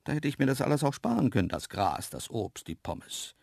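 Lively, gravelly storybook reader. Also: mid-range voice, fairly quick, no echo, studio quality. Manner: lively, self-mocking, wry. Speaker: narrator. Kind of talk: audiobook storytelling.

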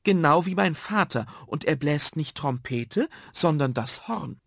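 A man's voice: fairly high pitch, sing-song, normal speed, a bit bright, slightly rough, dry recording, studio quality, voice pushed up, full character voice. A man voicing a self-important, know-it-all little boy in a children's storybook.

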